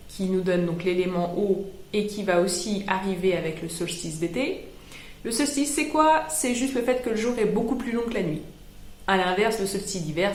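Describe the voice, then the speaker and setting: A woman's voice: medium pitch, a little mellow, roomy sound. A woman hosting a casual astrology lesson, explaining with playful rhetorical questions and ironic asides. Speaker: astrology channel host.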